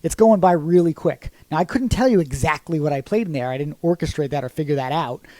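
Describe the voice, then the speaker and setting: Soft music plays behind a man whose fairly high voice moves fast. As a drum teacher in a laid-back lesson, he explains things conversationally and sings the accents as "ta."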